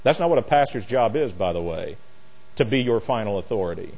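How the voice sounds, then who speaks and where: This male pastor teaches a Bible lesson in a fairly low, slightly mellow voice, talking rather quickly with lively intonation. The expository sermon comes across as forceful, opinionated, folksy and plainspoken.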